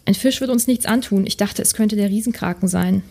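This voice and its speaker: A woman voicing a young wizard boy trying to stay calm while reading a story aloud. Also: mid-range voice, a little fast, vocal fry. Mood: tense. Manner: keeps voice steady. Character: level-headed young wizard boy, tense.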